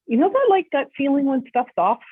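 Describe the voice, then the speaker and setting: Woman, middle-aged, podcast guest, lively storyteller, plays out quotes, tinny phone-like audio. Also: sits high, a little fast. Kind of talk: storytelling interview.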